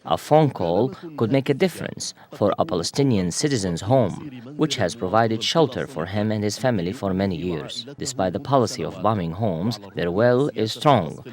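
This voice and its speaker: A man's voice: lowish voice, animated, normal speed, few pauses, a crowd in the background. Man reading a translated news report. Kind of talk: read news voice-over.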